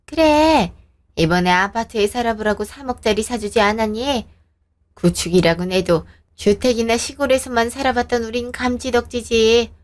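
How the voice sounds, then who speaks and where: A woman voicing an older countryside mother-in-law who speaks in a slow, sweetly presumptuous, coaxing way. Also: on the high side, natural voice. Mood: coaxing pleased.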